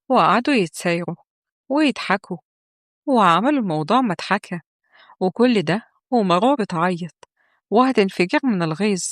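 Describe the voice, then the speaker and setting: Egyptian woman storyteller, expressive and confiding, mid-pitched, dry close recording. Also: dry recording. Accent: Egyptian Arabic. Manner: expressive, confiding asides to listeners. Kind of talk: dramatic story narration.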